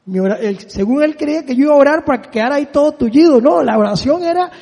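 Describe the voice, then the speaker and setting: A man's voice: very high voice, expressive, fast talker, mellow. A man in his forties preaching a sermon, emphatic, putting rhetorical questions to his listeners. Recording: long reverb of a large hall.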